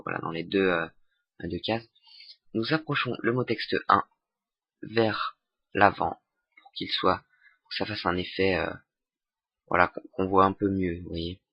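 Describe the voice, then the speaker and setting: Young man, lowish husky voice, halting casual tutorial, dull dry home mic. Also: no room sound. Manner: hesitant, many fillers and restarts, self-mocking. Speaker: software tutorial maker. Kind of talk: casual screen-recorded tutorial.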